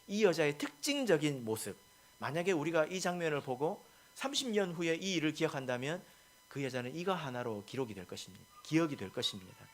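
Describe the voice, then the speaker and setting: A male pastor preaching a sermon, stressing points and asking the congregation questions, with many soft filler words between lines. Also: fairly high pitch, big pitch swings, brisk.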